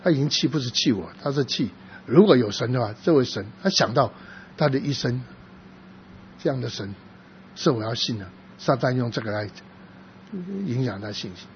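A man preaches a sermon, recounting a prayer session in a soft, halting voice that keeps restarting its phrases. His pitch sits in the ordinary middle range. The recording is dull and lo-fi, with a faint hiss underneath. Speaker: pastor. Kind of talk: sermon testimony.

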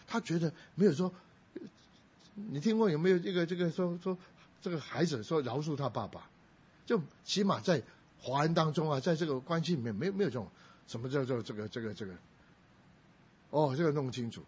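A man's voice: medium pitch, slightly rough. A middle-aged male pastor preaching a sermon, telling a family story and raising his voice when he quotes people. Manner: storytelling, quoting others in a raised voice. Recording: dull lo-fi recording.

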